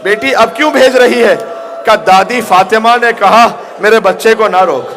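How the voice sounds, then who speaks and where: A high-pitched male cleric delivers an impassioned mourning sermon, his voice swelling toward cries at its peaks. Faint noise from the gathering sits beneath him. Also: a crowd in the background. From Pakistan. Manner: emotional, rising to near shouts.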